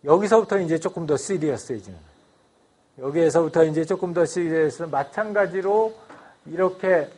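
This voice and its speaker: A man's voice: a little high, normal speed, darkish tone. Korean man lecturing with many fillers. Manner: explains step by step with many fillers and English loanwords. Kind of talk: university lecture.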